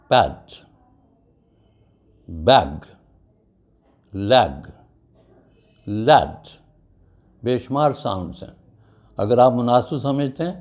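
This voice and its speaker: Very slow man teaching English. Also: mid-range voice, mellow. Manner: slow, deliberate, spells words letter by letter and repeats them. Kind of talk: classroom lecture on vowel sounds.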